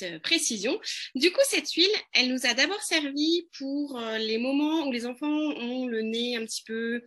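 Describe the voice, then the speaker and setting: A woman's voice: fairly high pitch, a bit bright. A woman presenting an essential oil blend in a casual live demo, hesitant, with many fillers and restarts.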